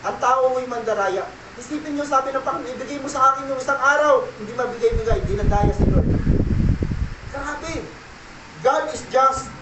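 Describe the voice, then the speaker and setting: A male pastor with a very high-pitched voice delivers a church sermon. He keeps asking "okay?" and slips into English now and then. The voice rings out in a roomy church hall, picked up from some distance, with a faint hum of ambience behind it. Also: quick pace. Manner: preaching with repeated "okay?" check-ins and Taglish. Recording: echoey church room, mic at a distance.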